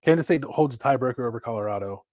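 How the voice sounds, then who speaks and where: A man co-hosting a casual sports talk show, easygoing and quick to agree. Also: mid-range voice, animated, darkish tone, no room sound, clean studio sound. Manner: easygoing, brief agreeing replies. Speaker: co-host.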